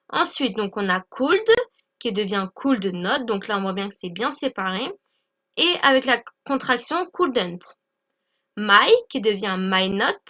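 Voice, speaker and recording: High bright-voiced woman teaching grammar. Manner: patient, repeats points with "d'accord?" checks. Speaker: English teacher. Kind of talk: explaining an English grammar lesson. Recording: dull lo-fi recording.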